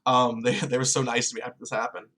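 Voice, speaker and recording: A man's voice: mid-range voice, monotone, fast, bright, forceful tone. A young man co-hosting a podcast, rambling through casual chat and filling it with "like". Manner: rambling, heavy use of "like". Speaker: podcast co-host.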